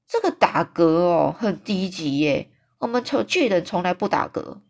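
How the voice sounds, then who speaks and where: A woman voicing a big friendly male giant who exclaims and stretches his words out slowly. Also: fairly low pitch, expressive, darkish tone. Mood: excited. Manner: exclaiming, drawn-out slow emphatic phrasing.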